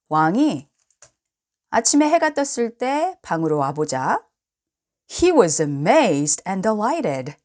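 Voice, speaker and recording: Reading aloud from a children's storybook, a woman with a medium-pitched voice takes an expressive, deliberate approach.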